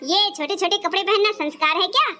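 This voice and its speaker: A sharp-tongued elder daughter-in-law from a cartoon, voiced by a woman. Her voice is high and bright. She speaks with constant sarcasm and accusation. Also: fast talker. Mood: accusing. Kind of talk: Hindi cartoon dubbing.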